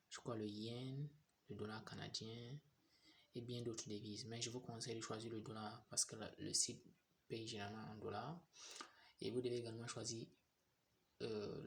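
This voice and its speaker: A young man explains an app setup one step at a time, pausing and repeating phrases as he goes. His voice sits low and gravelly, with a flat, even delivery. A faint noise hums under the recording. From Cameroon. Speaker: tutorial host. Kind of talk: screen-recorded phone app tutorial.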